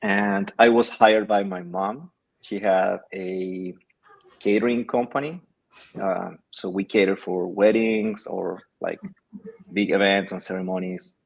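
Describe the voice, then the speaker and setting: Guy on a video call, lowish voice, thinks out loud with lots of ums. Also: fairly even intonation, slow pace, gravelly, poor audio. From Chile. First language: Spanish. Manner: thoughtful, hesitant with many fillers. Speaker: guest, company founder. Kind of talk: casual interview answers.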